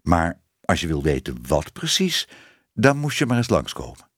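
A man's voice: sits low, wildly swooping pitch, normal speed, slightly rough, no echo, studio quality, pitched below the performer's own voice, full character voice. A man voicing a stern, disapproving old female cat who scolds and bosses her niece. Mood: bossy.

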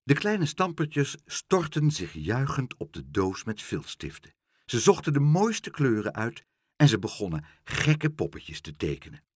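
Brief: unhurried, husky male narrator for a children's book. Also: medium pitch, dry recording, clean studio sound. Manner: expressive, unhurried. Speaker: storyteller. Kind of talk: children's story reading.

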